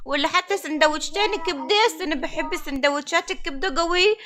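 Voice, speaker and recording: A woman voicing a scatterbrained, forgetful old female beggar who rambles in a quavering voice that cracks as if near tears, for an animated story. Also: high-pitched, fast talker. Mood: rambling.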